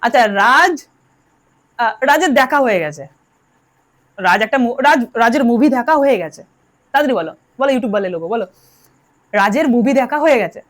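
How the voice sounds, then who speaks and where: A woman's voice: on the high side, lively intonation, a little fast, long pauses. A woman teaching English grammar to a class, drilling her students and telling them to answer aloud. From Bengal. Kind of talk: classroom lesson.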